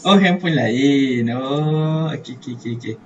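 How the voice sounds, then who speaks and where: Chatty Malaysian religious teacher, distant lo-fi mic. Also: male voice, mid-range voice, a little slow. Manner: chatty, repeats words, thinks aloud while writing. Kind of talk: online class lesson. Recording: distant mic, dull lo-fi, faint hiss.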